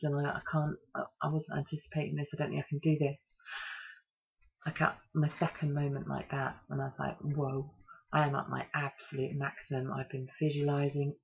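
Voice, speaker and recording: A woman in her thirties telling her own story in a candid, chatty way, with many ums and pauses, on a muffled home recording. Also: low voice, gravelly, darkish tone, husky. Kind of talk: casual personal storytelling.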